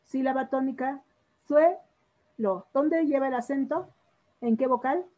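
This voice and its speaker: A woman's voice: sits high, steady tone, normal speed. A woman teaching a literature lesson on poetry, patiently quizzing her students and drawing out syllables. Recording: dull lo-fi classroom recording.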